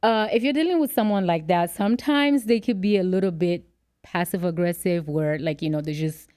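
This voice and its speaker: Woman, from Angola, low voice, thoughtful, casual chat, dry. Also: fairly quick, dark tone, clear, resonant tone, dry recording. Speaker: guest.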